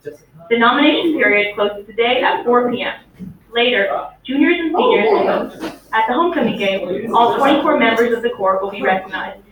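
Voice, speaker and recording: A school announcer reading the daily announcements over the intercom in a clear, measured way, repeating the key details. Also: mid-range voice, muffled recording. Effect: school intercom loudspeaker. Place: classroom, heard through a ceiling speaker. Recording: echoey distant loudspeaker in a noisy classroom.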